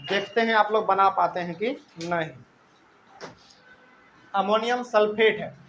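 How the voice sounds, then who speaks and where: Male teacher, young, very high bright voice, classroom lecture, repetitive and drawn-out, faint room noise. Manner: repetitive, drawn-out, checks in with students. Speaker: chemistry teacher. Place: classroom with live and online students.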